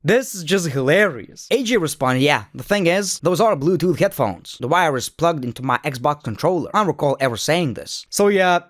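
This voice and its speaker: A man's voice: on the high side, expressive, normal speed, hardly any pauses, no room sound, studio quality. A man hosting casual, opinionated wrestling reaction commentary, joking, sarcastic and swearing freely.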